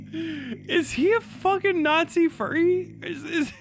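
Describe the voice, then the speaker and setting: A young man hosts a casual live stream, reacting with sardonic, profane commentary, incredulous outbursts and frequent laughter. His voice is very high and gravelly, with a little hiss or hum in the audio.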